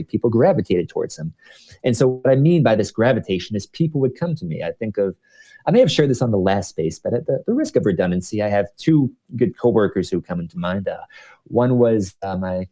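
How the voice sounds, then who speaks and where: A man's voice: lowish voice, dark tone. A man telling personal stories in a rambling, casual way, full of fillers and restarts. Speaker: speaker in a live audio discussion.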